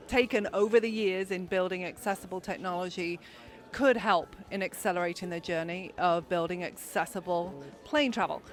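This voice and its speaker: Measured woman explaining in interview. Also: medium pitch. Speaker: company representative. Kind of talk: interview answer.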